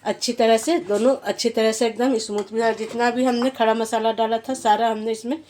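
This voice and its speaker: A woman's voice: on the high side, fairly even intonation, fairly quick, a little mellow, slight background noise. Homely woman demonstrating a home recipe. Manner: homely, repetitive, restarts often. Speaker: cooking channel host.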